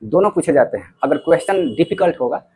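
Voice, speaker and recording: A man's voice: fairly high pitch, lively intonation, quick pace, a little mellow, slightly rough, poor audio. A man teaching English vocabulary for exams. He mixes Hindi with English, spells words letter by letter and keeps checking in with his students. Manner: repeats words and checks in with "theek hai". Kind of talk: exam-prep lesson.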